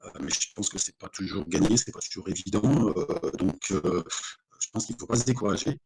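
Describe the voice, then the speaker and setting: A man's voice: on the low side, lively intonation, fairly quick, a little mellow, breathy edge. A man, a novelist being interviewed, speaking hesitantly with many fillers over a voice call, his overloaded microphone clipping and distorting. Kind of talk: casual remote interview. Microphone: computer microphone on a voice call.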